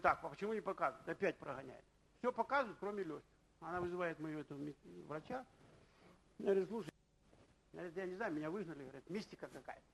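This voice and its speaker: Husky high-voiced preacher man, gravelly. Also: slight background noise, rough recording. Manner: anecdotal, keeps asking the congregation "right?". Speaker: pastor. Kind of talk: conversational sermon.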